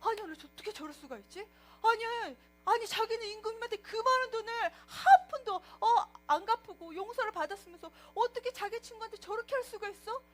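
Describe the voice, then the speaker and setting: Shocked storybook villagers cluck in indignant disbelief, as a woman puts them on. The voice is high, bright and animated. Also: fairly quick, hardly any pauses, faint music behind.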